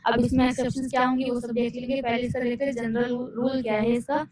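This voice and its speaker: A woman teaching English spelling rules in Hindi. She reads each English rule slowly, then explains it quickly in Hindi, and asks questions that she answers herself. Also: a little high, level tone, a little mellow, rough recording.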